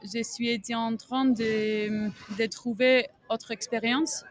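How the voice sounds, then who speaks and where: Female interview guest, foreign Greek accent, unhurried and halting delivery, slightly high voice. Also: flat delivery. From Greece. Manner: halting, searching for words in non-native French. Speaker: tennis coach and podcast guest. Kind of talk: interview answers.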